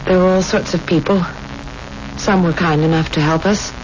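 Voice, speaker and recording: In a 1970s radio drama, a woman plays a frightened young woman in desperate straits, stammering and imploring in a weary, confiding mood. Her lowish voice has fairly even intonation and a moderate pace, close to how she'd normally talk. The old radio recording is muffled and noisy.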